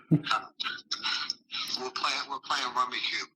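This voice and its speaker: A man's voice: medium pitch, slow pace, pushed and bright, low-quality recording. A middle-aged man chatting casually and bluntly with his son, heard over a speakerphone. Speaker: host's father, phoned in. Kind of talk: casual phone chat. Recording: phone speaker heard in the room.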